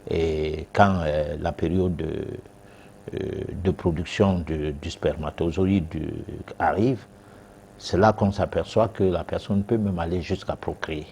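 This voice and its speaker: A man's voice: deep voice, steady tone, unhurried, dark tone, a little hiss or hum. A man, a guest expert on a TV talk show answering viewers' questions, hesitant with many fillers and restarts.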